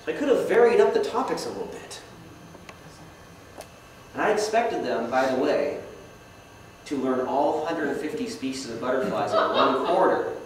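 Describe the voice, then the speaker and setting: A young male guest speaker with a mid-range voice and big pitch swings talks at a normal speed but pauses often. In a meeting hall, he presents a casual slideshow to a club, being self-deprecating and putting questions to the audience. The recording has hall echo, faint noise, and distance from the mic.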